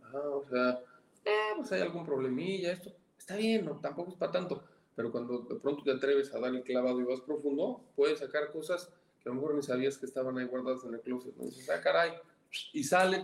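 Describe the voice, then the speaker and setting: A man, co-hosting a casual chat podcast, talks in an animated way and acts out the voices he quotes. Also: medium pitch, creaky. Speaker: podcast co-host. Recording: echoey room.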